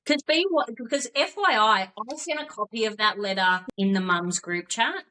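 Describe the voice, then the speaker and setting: A woman's voice: medium pitch, normal speed. A woman co-hosting a casual chat podcast, telling stories and acting out what people say. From Australia. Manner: animated storyteller, acts out quotes. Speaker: podcast co-host.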